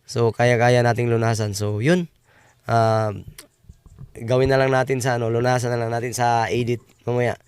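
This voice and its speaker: Brief: Filipino male reaction-vlog host, throaty from a cough, rambling with fillers, very clear dry close sound. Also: medium pitch, level tone, a little mellow, no room sound. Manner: rambling, many filler pauses, calls viewers friends. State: coughing, strained voice. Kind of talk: casual reaction commentary.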